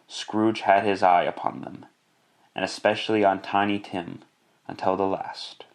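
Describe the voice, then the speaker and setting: A man playing the storyteller of a Victorian Christmas tale, reading scripted narration in classic radio style. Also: on the low side.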